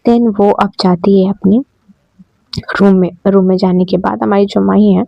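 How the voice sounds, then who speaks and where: A woman's voice: medium pitch, fairly even intonation, moderate pace, vocal fry, no echo, muffled recording. A woman casually narrating a romance audio story, chatty and speaking to her listeners. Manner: chatty, addresses listeners directly.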